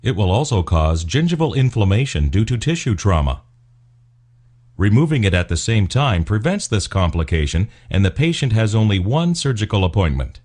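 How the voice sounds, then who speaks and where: A man reading scripted instructional narration as a medical explainer, in a formal, measured, clinical way. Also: fairly low pitch, big pitch swings, darkish tone. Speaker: narrator of dental explainer videos.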